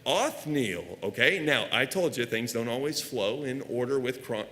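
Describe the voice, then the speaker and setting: An American man preaches a sermon in a church, his voice at an ordinary middle pitch and carried by a long hall reverb. He teaches in a conversational way, stopping often to put questions to the congregation. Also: lively intonation, normal speed, pushed and bright. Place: church auditorium.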